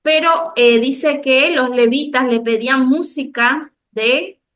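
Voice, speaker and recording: Woman with a Dominican accent teaching a Bible class over a video call, bright and crisp, explaining step by step. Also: high voice. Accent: Dominican Spanish. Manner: slow, explanatory, with frequent restarts and questions to the class. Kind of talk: online bible class lecture.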